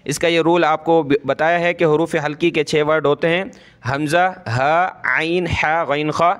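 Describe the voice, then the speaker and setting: Quran teacher spelling out each syllable. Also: male voice, a little high, steady tone, fairly bright tone, clear, resonant tone. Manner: spells each syllable letter by letter, then slowly recites the word; brisk explanations between drawn-out recitation. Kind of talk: step-by-step Quran reading lesson.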